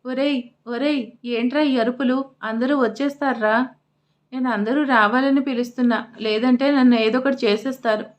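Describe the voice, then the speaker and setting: A woman voicing a sharp-tongued, bossy old grandmother who scolds coarsely in an audio story. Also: on the high side, fairly even intonation, natural voice. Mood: scolding. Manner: scolding, coarse, quick retorts.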